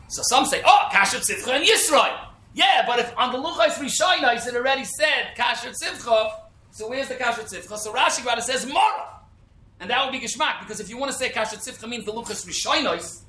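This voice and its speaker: A man's voice: very high-pitched, bright, forceful tone. A man giving an informal religious lesson as a teacher, asking rhetorical questions and answering them, mixing with Hebrew terms. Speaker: Torah class teacher, rabbi. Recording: echoey room with faint noise.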